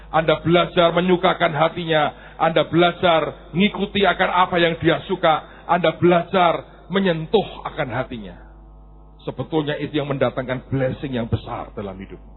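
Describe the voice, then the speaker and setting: A middle-aged man preaching a sermon as a pastor, animated and acting out stories. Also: fairly high pitch, slightly rough. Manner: animated, acts out stories and voices. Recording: tinny phone-like recording.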